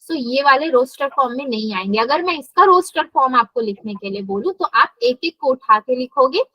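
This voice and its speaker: A woman's voice: high-pitched, expressive, a little fast, no echo, dull audio. A young woman teaching a live math class, mixing English terms into her explanations and checking in with students. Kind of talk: live online class lecture.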